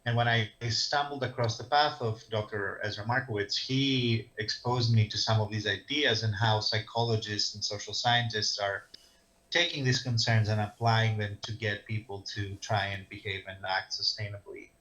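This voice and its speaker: This is a man from Greece in his thirties, speaking as an academic guest on a video call. His voice sits low and sounds bright and tense, with frequent ums and restarts. The call audio is dull and lo-fi. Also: fairly even intonation, normal speed. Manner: hesitant, many ums and restarts. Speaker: guest, social psychologist. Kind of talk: video-call interview answers.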